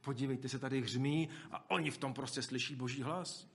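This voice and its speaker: A man's voice: mid-range voice, fairly even intonation, vocal fry, husky. A man preaching a sermon in a conversational way, with asides to the congregation and acted-out quotes. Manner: acts out quoted speech.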